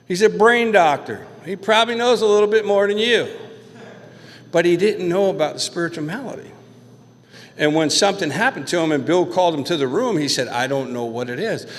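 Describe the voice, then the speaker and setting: Man telling his recovery story in a hall. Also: on the high side. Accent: New Jersey. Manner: storytelling, acting out dialogue with shifting voices. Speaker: guest speaker. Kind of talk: recovery testimony sermon. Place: church hall. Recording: long hall reverb.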